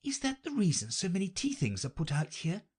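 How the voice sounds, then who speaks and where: A man's voice: high-pitched, huge pitch swings, fairly quick, darkish tone, husky, voice pushed up, full character voice. A man voicing a polite, curious young girl in a storybook reading. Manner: careful, earnest questioning.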